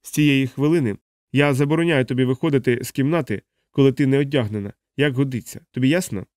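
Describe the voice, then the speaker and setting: A man's voice: mid-range voice, quick pace, a little mellow, dry recording, clean studio sound, natural voice. A man voicing an insistent young man, lovestruck and bossy, who keeps laying down orders in exasperation.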